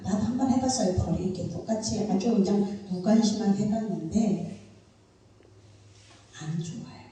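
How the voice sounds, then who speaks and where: A middle-aged woman pastor preaching a sermon in a church hall, telling stories in an animated way with sudden loud bursts. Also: medium pitch. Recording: echoey hall, distant mic, faint noise.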